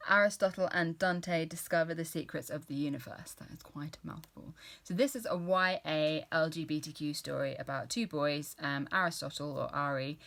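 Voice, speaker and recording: The voice is deep and creaky but fairly bright, moving at a moderate pace with hardly any pauses. It belongs to a British book vlogger in her thirties, who rambles a little through an enthusiastic, casual chat about books she's read, with plenty of fillers.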